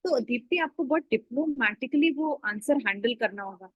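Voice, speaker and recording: A woman's voice: high voice, expressive, normal speed, husky, dry recording, lo-fi sound. A woman trainer giving an online class, answering students by name and coaching them on interview replies, mixing English phrases into her speech. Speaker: communication skills trainer.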